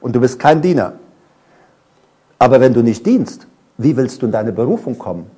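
A middle-aged man preaching a sermon, animated, asking his congregation question after question and telling stories from his own life. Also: medium pitch, moderate pace, breathy edge. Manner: tells personal stories.

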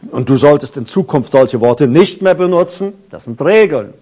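A man preaching a sermon in an earnest, conversational way, speaking straight to the listener and moving between soft, hushed passages and raised, emphatic ones. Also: fairly high pitch, lively intonation, normal speed.

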